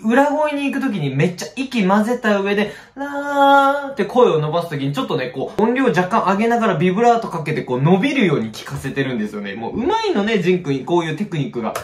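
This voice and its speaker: A man giving a casual vocal analysis as he reacts to a song, gushing with excitement and breaking into short sung snippets. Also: sits high, quick pace, few pauses. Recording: roomy echo with song playing faintly.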